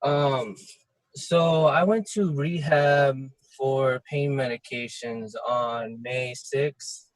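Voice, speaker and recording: A man's voice: mid-range voice, steady tone, extremely slow, no room sound, low-quality recording. A man, a pharmacy technician, gives hesitant testimony with many fillers at a remote hearing, calling in from his car. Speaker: pharmacy technician before a licensing board.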